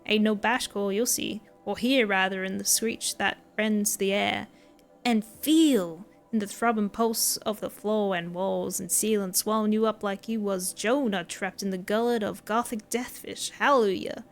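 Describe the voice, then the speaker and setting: A woman's voice: medium pitch, steady tone, moderate pace, soft background music, natural voice. A woman reading out a rowdy, folksy man who loves death metal, in a put-on American drawl. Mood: boastful.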